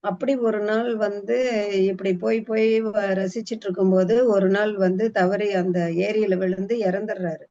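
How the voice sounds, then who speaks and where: A woman's voice: medium pitch, level tone, moderate pace, mellow. Hesitant woman retelling a book, lo-fi. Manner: hesitant, frequent fillers and restarts. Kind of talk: casual spoken book retelling. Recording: dull lo-fi recording.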